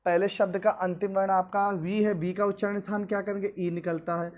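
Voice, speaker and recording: A man's voice: high voice, level tone, fairly quick, a little mellow. A male teacher explaining grammar rules step by step, asking questions aloud and answering them himself. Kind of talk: classroom grammar lesson.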